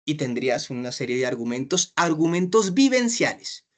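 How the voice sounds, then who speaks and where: Colombian male teacher, drawn-out emphasis. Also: on the high side, sing-song. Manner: questioning, checks in with frequent "¿sí?"; slows down to stress key phrases. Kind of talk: exam-prep class lecture.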